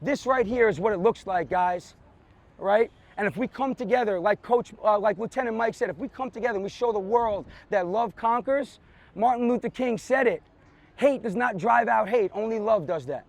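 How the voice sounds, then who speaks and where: A man's voice: high voice, moderate pace. A middle-aged man, a police officer, giving an earnest motivational pre-game pep speech to a group, emphatic and repeating phrases for effect. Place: outdoors on a sports field.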